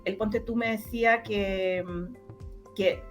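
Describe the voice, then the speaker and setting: Faint music plays behind this woman as she takes it slowly, her mid-range voice keeping a steady tone. She's a radio drama producer with a Chilean Spanish accent, a guest in a casual interview, reminiscing and repeating words to stress them.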